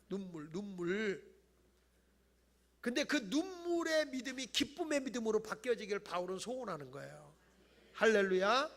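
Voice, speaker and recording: A middle-aged male pastor giving an animated Friday night sermon in a church, acting out whiny voices and shouting. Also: sits high, creaky. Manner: animated, acts out voices of people he tells about, mock-whines and shouts. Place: church sanctuary.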